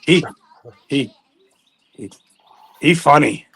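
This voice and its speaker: A man's voice: on the high side, expressive, slow pace, creaky, fairly bright tone, husky, no echo, full character voice. A man voicing a goofy male ninja entertainer who talks in clipped broken English and mock-wise sayings. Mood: jokey. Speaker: recurring comic guest.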